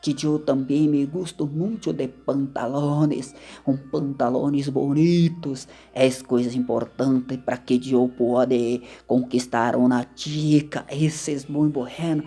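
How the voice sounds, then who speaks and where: A man from Argentina, teaching vocabulary in a slow, repetitive way and mixing in words. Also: medium pitch, fairly even intonation, mellow, husky. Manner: slow, repetitive, mixes Spanish into Portuguese. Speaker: language teacher. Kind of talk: casual vocabulary lesson to camera.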